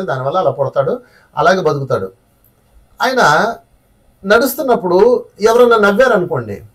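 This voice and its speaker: A man's voice: fairly high pitch, breathy edge, far from the mic. A man teaching a spiritual class, telling stories in a conversational way and asking his listeners rhetorical questions.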